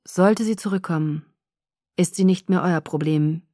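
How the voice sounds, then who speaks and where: A woman voicing a calm, guarded young man who speaks in a controlled, measured way. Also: lowish voice, no room sound, clean studio sound, close to an everyday voice.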